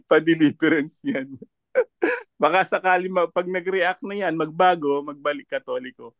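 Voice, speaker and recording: Brief: high-pitched male panelist, dry close sound, scornful and chuckling. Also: big pitch swings, normal speed, gravelly, no echo. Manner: mocking, laughs often between jabs. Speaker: panelist commenting on a debate. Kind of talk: online discussion commentary.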